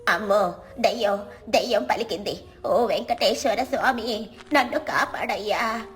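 A woman's voice: mid-range voice, measured pace, close to an everyday voice. A woman voicing a frightened, talkative old village woman who exclaims anxiously.

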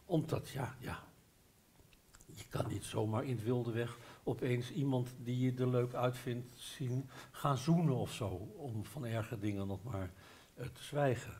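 Animated older Dutch man telling a tale. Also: medium pitch, unhurried. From Netherlands. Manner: animated storyteller, gesturing broadly, many restarts and hesitations. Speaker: guest author. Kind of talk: live literary café talk. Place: bookshop stage before a live audience. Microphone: headset mic.

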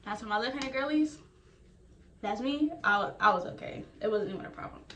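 A young woman vlogger casually retelling her experience in a chatty, animated way. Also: on the high side, a little fast. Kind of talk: casual storytelling. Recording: roomy, distant, faint noise.

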